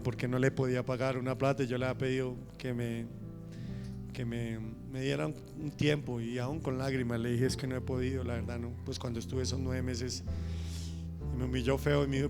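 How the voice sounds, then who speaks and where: A middle-aged man preaching a sermon in a church, swinging from loud preaching to soft confiding asides. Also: medium pitch, little pitch movement, a little fast, over music. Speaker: pastor.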